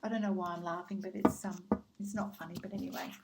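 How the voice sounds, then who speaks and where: A woman doing a casual spoken tarot card reading, gentle and reassuring, with frequent ums as she speaks straight to the listener. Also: lowish voice, fairly even intonation, quick pace, heavy background noise. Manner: addresses the listener directly by star sign.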